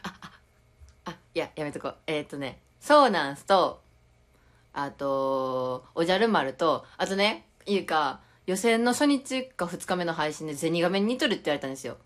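Chatting on her live stream in Tokushima dialect, a young woman reads viewer comments aloud and giggles often; she's an idol livestreamer. Her voice is lowish and expressive, at an ordinary pace.

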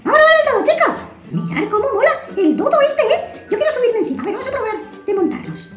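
Woman as a young female kitten, Spain Spanish accent, excitable chatter, roomy sound, music behind. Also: very high-pitched, quick pace. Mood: excited. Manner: squealing, exclamatory, chatty. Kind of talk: playing a video game on camera.

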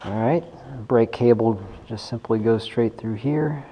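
A bike mechanic host with a medium-pitched, dark, slightly rough voice speaks at a measured pace. He gives a casual hands-on tutorial, thinking aloud as he works inside a large wooden workshop garage. An action camera worn on his body captures the echoey room and noticeable noise.

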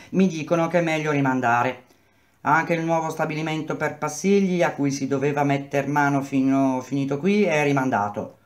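A woman reading as a smooth-talking boss. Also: low voice, close to an everyday voice. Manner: persuasive, explanatory, speaks to workers as a group. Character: male building contractor, middle-aged, smooth-talking boss.

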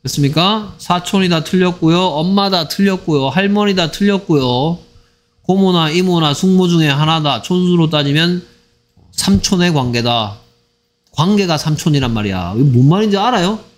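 A man teaching an English lesson for a school exam. He speaks Korean with a Korean accent, draws out English phrases slowly and keeps asking whether the class has followed. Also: fairly high pitch, expressive. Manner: repeats "됐습니까?" to check understanding; slow, drawn-out delivery of English phrases.

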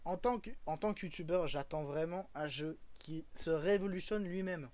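A man's voice: fairly high pitch, normal speed, a little mellow, no room sound. A young man from France chatting casually on a live stream, rambling with lots of fillers, laughing often and greeting viewers by name.

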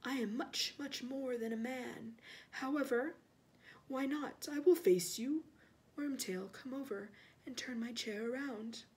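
A woman voicing a cold, menacing, inhuman dark lord in a storybook, hushed and slow, with controlled, commanding delivery. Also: high-pitched. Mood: cold, imperious. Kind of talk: storybook read-aloud.

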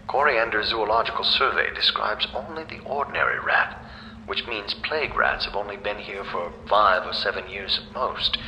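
A learned, pompous man of science dictates a game audio log. His low voice swings theatrically and deliberately through each phrase. It rings in a big echoey hall over clear noise. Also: sharp tone, full character voice. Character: learned male natural philosopher dictating pompous research notes. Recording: echoey hall, noisy old recording playback.

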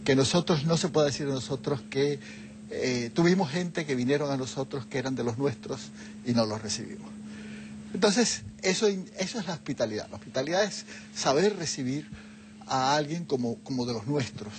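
A man's voice: mid-range voice, lively intonation, moderate pace, noisy background. Older man speaking reflectively. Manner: reflective, explanatory. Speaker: guest, Jesuit leader. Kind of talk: TV studio interview. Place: TV studio set, seated on a sofa. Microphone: lapel mic.

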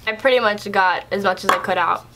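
A woman's voice: mid-range voice, brisk, fairly bright tone, a little hiss or hum. Chatty young woman vlogging. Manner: chatty, filler-heavy, exasperated. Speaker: YouTuber. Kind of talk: casual vlog product review.

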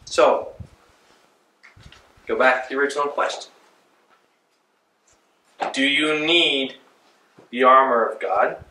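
A pastor in his forties preaches slowly from a small church's pulpit, his mid-range voice leaving long pauses, with slight background noise. He's conversational and loose, animated with hand gestures. A far camera at a distance captures roomy church echo.

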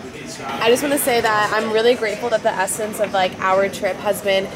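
A woman's voice: mid-range voice, level tone, moderate pace, over a noisy crowd, rough recording. A young woman in her twenties gives a sincere toast to a friend at an outdoor cafe. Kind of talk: casual chat among friends. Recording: loud background noise.

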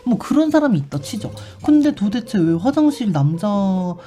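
A man chatting casually on a live stream, animated and expressive, and given to sudden shrieks. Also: high voice, moderate pace. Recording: live stream with loud background music.

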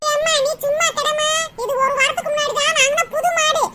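A woman doing a snappy squeaky village woman. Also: level tone, fairly quick. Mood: scolding. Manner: snappy, scolding. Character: irritable busy older village woman milking a cow. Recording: loud background noise.

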